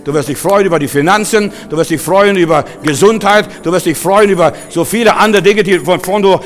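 A fervent preacher with a high voice, repeating exclamations in a charismatic church service, dropping at times to a low, intimate tone. Faint music plays behind him. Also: male voice, fairly quick, big-room sound.

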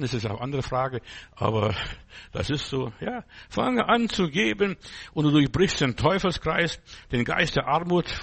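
A man preaching a sermon with a slightly high, husky voice. He talks emphatically, with many short asides and interjections. The recording has a faint radio-broadcast sound. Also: a bit bright. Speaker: pastor.

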